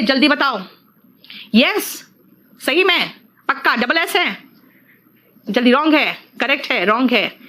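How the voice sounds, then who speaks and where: A high-pitched woman runs a classroom spelling lesson, switching freely between Hindi and English. She talks to her students like a fond teacher and keeps firing quick questions at them. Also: fairly bright tone. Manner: addresses students as beta, mixes Hindi and English.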